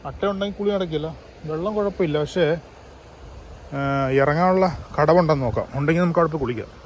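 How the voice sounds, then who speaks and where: Hoarse, fast-talking Kerala travel vlogger. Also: male voice, a little high, a little hiss or hum. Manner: chatty, many fillers and "kettō" tags. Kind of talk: handheld travel vlog narration. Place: outdoors by a roadside petrol pump and stream. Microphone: handheld camera.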